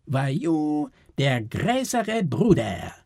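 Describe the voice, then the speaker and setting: A brash fairground barker woman, put on by a male reader, shrieks her wonders in a strange dialect. Her voice jumps very high and stretches each word slowly. Breathy rasp runs under it. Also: wildly swooping pitch, dry recording, studio quality, exaggerated voice. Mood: shrill announcing. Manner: shrieking, drawn-out, foreign dialect.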